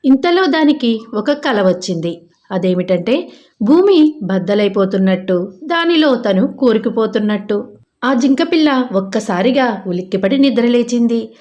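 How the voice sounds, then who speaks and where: A woman narrating a children's moral story with a lively, expressive storytelling lilt. Her voice sits a little high for a woman. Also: measured pace.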